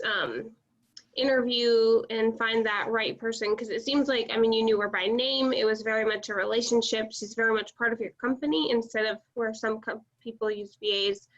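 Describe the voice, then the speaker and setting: A woman in a group call, asking a rambling, self-correcting question. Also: a little high. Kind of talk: casual video-call question. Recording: dull lo-fi call audio.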